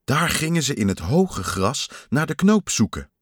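A man reads a children's story aloud, slowly and expressively. His mid-range voice rises and falls a lot. The recording is dry and close, with no room sound. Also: medium pitch, big pitch swings, breathy edge, dry recording.

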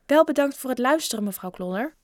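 A woman's voice: sits high, expressive, quick pace, no echo, clean studio sound, voice pushed up. A woman voicing a polite, troubled rich schoolboy in a storybook reading. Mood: earnest.

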